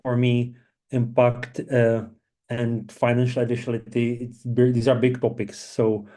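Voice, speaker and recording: Heard over a video call, this middle-aged impact investor chats on a webinar panel in an unhurried, completely flat way. His mid-range voice is mellow, and he often drops in "you know" and "um."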